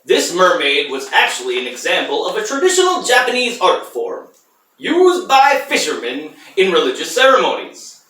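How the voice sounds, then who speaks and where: A man co-hosting a podcast reads out a history segment between dry jokes. His voice is bright and lively. He sounds far from the mic in a very echoey room. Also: high voice, moderate pace. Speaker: podcast co-host. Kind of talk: casual chat and reading history.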